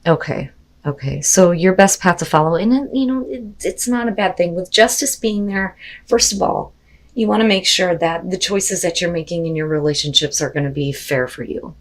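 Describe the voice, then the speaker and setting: Low-voiced, slightly hoarse woman reading tarot. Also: moderate pace. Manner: chatty, full of "you know" and "like" fillers. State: slightly hoarse, losing her voice. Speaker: tarot reader. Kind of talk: casual tarot card reading.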